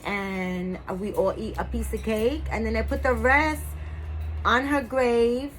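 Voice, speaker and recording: A woman's voice: a little high, steady tone, slow pace, faint music behind, rough recording. Rambling chatty woman in her fifties. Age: 50s. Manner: rambling, full of fillers and restarts. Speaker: doll collector vlogger. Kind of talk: casual chat to viewers.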